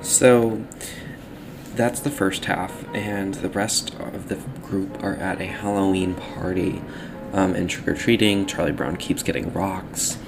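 A young man hosting a casual solo podcast, talking in a halting, rambling, self-correcting way, with a slightly metallic, robotic sound from the microphone. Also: deep voice, steady tone, creaky, music in the background. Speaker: podcast host.

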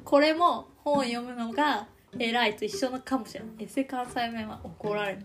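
A young woman chats casually as a podcast co-host, her high voice playful and quick to giggle. Her sentences often trail off softly. Music plays clearly behind her. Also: fairly even intonation. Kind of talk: casual chat.

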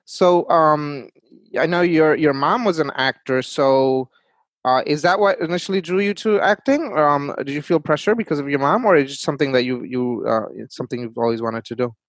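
A man's voice: a little high, normal speed, no echo. A man from Bangladesh hosting a casual interview, asking curious questions. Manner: curious, asks many questions. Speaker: interview host.

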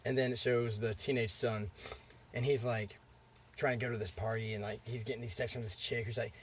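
A man's voice: medium pitch, little pitch movement, fairly quick, slight background noise. A man with a congested throat hosting a podcast, telling movie plots in a rambling, profane way with lots of fillers. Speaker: podcast host. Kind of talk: casual chat, storytelling.

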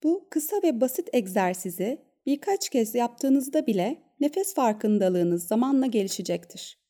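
A woman hosting a breathing podcast as a therapist, speaking in a calm, measured, instructional way, as scripted narration and guided exercise. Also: on the high side.

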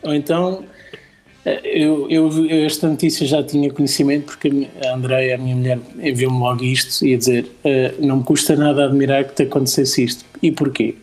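A man's voice: mid-range voice, little pitch movement, brisk, a little mellow. A man with a European Portuguese accent chatting casually as a co-host, telling anecdotes in a rambling, self-deprecating way. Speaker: talk show co-host.

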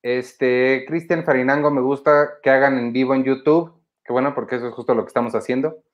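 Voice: medium pitch, fairly even intonation, brisk. A podcast host in a casual chat, opinionated, who also reads out listener questions.

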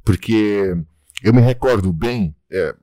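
A man's voice: lowish voice, slow, mellow, no room sound. A man in his sixties with a Brazilian accent, hosting a casual podcast chat and teasing his guests with slang. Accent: Brazilian Portuguese. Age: 60s. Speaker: podcast host.

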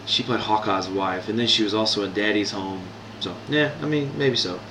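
A man with a lowish voice talks casually through a movie review, hesitating with ums and restarting his sentences. He sits some way from a built-in mic, so an echoey room sound hangs on every word, with a faint hiss underneath. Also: normal speed, distant mic. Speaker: podcast host reviewing movies. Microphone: no proper microphone, built-in device mic.

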